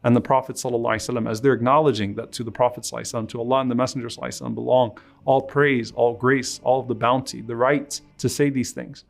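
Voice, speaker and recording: A man's voice: mid-range voice, flat delivery, racing, creaky. A man preaching a sermon, earnestly and emotionally retelling a story and mixing quoted Arabic into his English.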